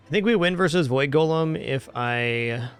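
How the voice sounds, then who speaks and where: A man's voice: on the high side, normal speed, clean tone. A man giving casual commentary as he streams a video game. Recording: faint game music behind.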